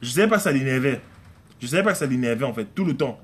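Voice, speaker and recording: A man's voice: medium pitch, animated, rapid-fire. A man preaching a conversational sermon at home, emphatic and repetitive, often acting out prayers and little dialogues. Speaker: pastor. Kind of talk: conversational live-streamed sermon.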